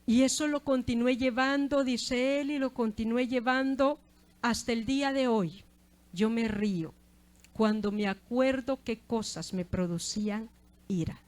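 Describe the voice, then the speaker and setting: A woman with a high voice preaches a sermon in an earnest, heartfelt way. She is middle-aged and often stops to praise God between her phrases. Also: a little slow, a little mellow. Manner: earnest preaching with repeated "gloria sea al Señor".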